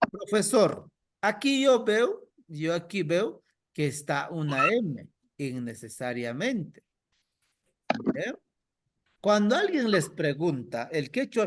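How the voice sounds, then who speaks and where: A male teacher leads an online class at an unhurried pace, letting his pitch rise and fall freely as he explains. He questions students one by one and repeats answers slowly so they can follow. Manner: patient, questions students by name. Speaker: language teacher.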